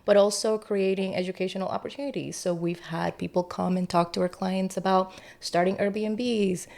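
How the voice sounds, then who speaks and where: A woman's voice: medium pitch, steady tone, normal speed, creaky, a little mellow. A woman speaking conversationally as an interviewed real estate agent, earnest and encouraging.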